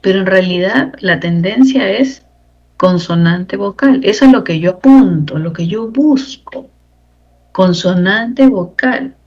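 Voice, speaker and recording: A woman lecturing on grammar for exam preparation in a measured teaching voice. She builds each point step by step and keeps asking the class rhetorical check-in questions. The recording sounds a little dull and lo-fi. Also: medium pitch, animated, darkish tone, slightly rough. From Peru. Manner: explains step by step, asks rhetorical tag questions. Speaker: language teacher.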